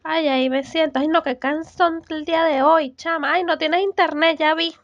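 A woman's voice: high-pitched, fairly even intonation, dry recording, close to an everyday voice. A young woman with a Venezuelan accent playing a chatty, gossipy young mother who sighs theatrically and drags out her complaints. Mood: dramatic. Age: young adult. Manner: drawn-out, theatrical, sighing "ay" complaints. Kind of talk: comedic student film acting. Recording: dull, dry, lo-fi.

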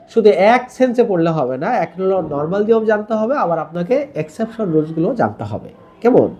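High-voiced man teaching Quran recitation. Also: highs cut off. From Bangladesh. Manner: explains patiently, demonstrates Arabic pronunciation by drawing out vowels; mixes English words into explanation. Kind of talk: tajweed lesson explanation.

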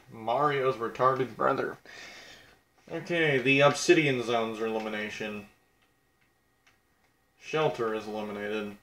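A man's voice: mid-range voice, fairly even intonation, a little slow, pauses often, fairly bright tone, echoey room. A young man casually commenting on a video game, blunt and crude, mocking himself as he reads out who is eliminated.

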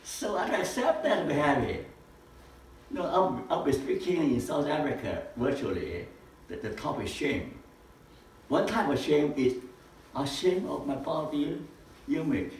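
With a fairly high voice, big pitch swings and a slightly slow pace, an older man leads a casual teaching talk in a living room with a projector screen. He throws out rhetorical questions and gestures widely. A distant camera captures the echoey room, along with a little hiss or hum.

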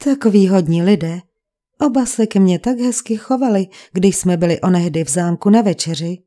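A woman's voice: fairly low pitch, mellow, close to an everyday voice. A woman reading the part of a kind-hearted vicar's wife who protests in shock and indignation.

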